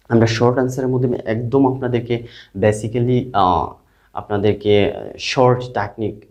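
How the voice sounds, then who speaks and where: Low, mellow-voiced man teaching phonics. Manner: asks and answers his own questions, repeats sounds slowly. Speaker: English teacher. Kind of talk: online phonics lesson. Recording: dull lo-fi recording.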